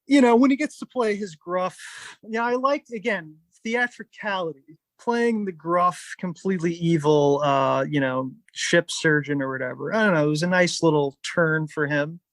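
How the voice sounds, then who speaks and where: A man's voice: on the high side, moderate pace, few pauses, fairly bright tone, no echo. A man co-hosting a movie podcast, hesitating often as he gives his views. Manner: hesitant, many "um"s and "you know"s. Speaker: podcast co-host. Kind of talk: casual movie discussion.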